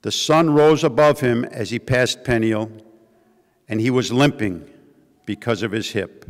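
A man's voice: mid-range voice, measured pace. A man reading a scripture passage aloud in church. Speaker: scripture reader. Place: church sanctuary. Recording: reverberant hall, somewhat distant.

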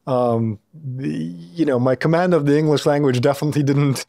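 A man in his thirties who grew up in Poland, a company founder talking as a podcast guest, thoughtful and full of fillers and restarts, recorded on a boom-arm studio mic. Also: normal speed, vocal fry, warm tone, no room sound. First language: Polish. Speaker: startup founder and CEO, guest. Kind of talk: casual interview talk.

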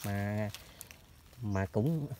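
A man's voice: on the low side, lively intonation, extremely slow, mellow. A man talks casually to viewers of his vlog while he walks and wades through rural orchards and canal banks. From southern Vietnam. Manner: chatty, addresses viewers constantly. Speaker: trapping vlogger. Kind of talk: casual outdoor vlog narration. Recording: noisy outdoor field recording.

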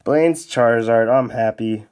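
A man casually commenting as he opens card packs off camera, bursting into high excited exclamations. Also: unhurried, clear, resonant tone. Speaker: card-opening YouTuber. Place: indoors at a desk, off camera.

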